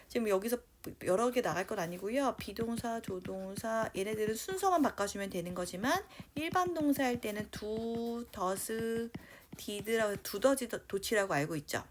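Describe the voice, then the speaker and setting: A woman teaching English grammar to high schoolers, with a mid-range voice. Her delivery is lively and full of check-in questions to her class. A faint hiss sits under the recording. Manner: reads English sentences slowly while writing them out. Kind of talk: online grammar lecture.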